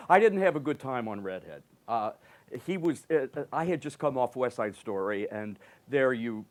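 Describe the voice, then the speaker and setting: An older man, a retired dancer on a panel, telling animated stories in a casual way and laughing easily. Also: mid-range voice, moderate pace. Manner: chatty, animated storyteller who laughs easily.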